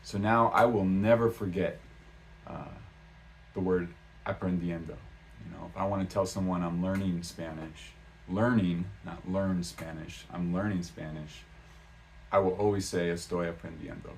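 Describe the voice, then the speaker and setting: A native English-speaking man chats casually in a vlog about learning a language, rambling with many "um"s and "uh"s and restarting sentences. His low-pitched voice is steady and moderately paced, with a little hiss or hum in the audio.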